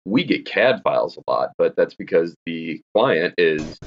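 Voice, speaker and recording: A man's voice: low-pitched, sing-song, unhurried, vocal fry. A man who makes medical animations, a guest on a podcast, explaining his work with easy laughs. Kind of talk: casual podcast chat. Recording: dull lo-fi sound.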